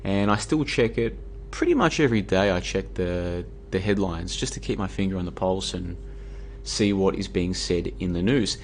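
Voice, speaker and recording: A man's voice: low voice, moderate pace, a little hiss or hum. An Australian man talking casually on his livestream, argumentative and tired, with many fillers and restarts. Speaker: livestream host. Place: home room.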